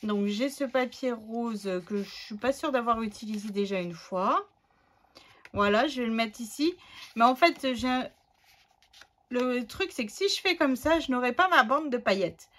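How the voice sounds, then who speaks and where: A woman's voice: fairly high pitch, animated, measured pace, fairly bright tone. A woman hosting a scrapbooking tutorial, chatting casually and thinking aloud as she works, with many fillers.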